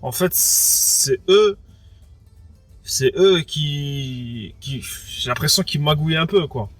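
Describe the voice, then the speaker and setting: With faint music behind and no room sound, a young man from France of Moroccan descent speaks slowly in a voice on the high side. He shares a casual testimony as an interviewee, also speaking Arabic natively, and he hesitates a lot, repeating words and using fillers such as "quoi" and "entre guillemets".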